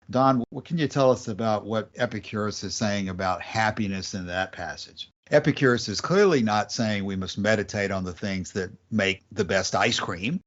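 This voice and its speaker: A man's voice: lowish voice, lo-fi sound. A man hosting a podcast who guides the conversation, reading passages and posing questions in a casual discussion. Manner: guiding, asks questions. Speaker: podcast host.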